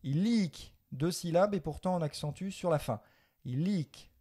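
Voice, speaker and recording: A man from France leads a living Latin lesson, switching between Latin and French as he explains. His voice is mellow, and he corrects mistakes patiently. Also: on the high side, normal speed. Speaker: Latin teacher. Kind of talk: spoken language lesson.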